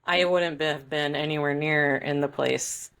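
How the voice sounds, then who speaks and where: A woman's voice: sits low, steady tone, moderate pace, a bit bright, clean tone. A woman guest on a podcast, an author, chatting casually with frequent laughs and fillers.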